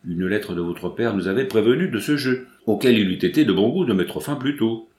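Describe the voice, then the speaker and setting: Bold, quick-witted young woman, read by a man. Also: fairly low pitch, expressive, darkish tone, roomy sound, lightly acted. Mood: eager. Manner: eager, pressing questions. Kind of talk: audiobook dialogue reading.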